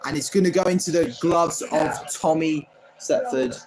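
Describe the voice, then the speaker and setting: Over crowd noise on a rough recording, a livestream host names the player on every pass during a football watchalong and chats with his audience between plays. He speaks at a moderate pace with a fairly high pitch.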